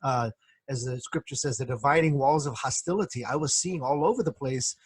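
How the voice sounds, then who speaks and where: A middle-aged man, born in Korea, answering interview questions as a professor and former pastor in a measured, reflective way. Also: medium pitch, husky, dry recording. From born in Korea, grew up in the United States. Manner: measured, reflective, many soft fillers.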